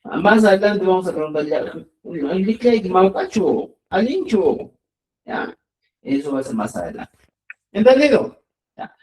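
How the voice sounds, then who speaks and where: A man teaching a live online language lesson who keeps checking that students follow and slows down to stress key words. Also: on the high side, darkish tone. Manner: repeats checks like "¿ya?" and "ojo". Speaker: Quechua teacher. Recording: roomy, distant sound.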